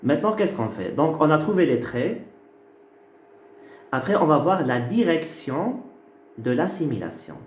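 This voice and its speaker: Male lecturer, unhurried, repeats terms for clarity; roomy recording, faint hiss. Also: fairly high pitch, very animated, darkish tone. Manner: slow, patient, repeats key words. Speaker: teacher. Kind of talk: phonetics lecture. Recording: echoey room with faint noise.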